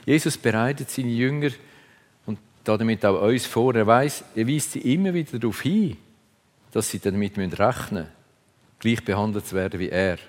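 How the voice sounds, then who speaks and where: A man's voice: fairly low pitch, animated, normal speed. A man preaching a sermon, earnest and reflective, speaking in short phrases. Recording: long reverb of a large hall.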